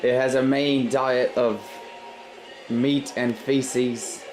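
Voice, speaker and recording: A man playing a deadpan wildlife documentary narrator in a comic spoof. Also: mid-range voice, extremely slow. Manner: deadpan, flat spoof commentary. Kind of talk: comic nature-documentary parody.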